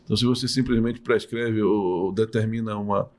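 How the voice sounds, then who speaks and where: A man's voice: fairly low pitch, steady tone, a little fast, darkish tone. A middle-aged man from Salvador, a urologist and professor, answering podcast interview questions in a patient, explanatory way with many restarts. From Salvador, Bahia, Brazil.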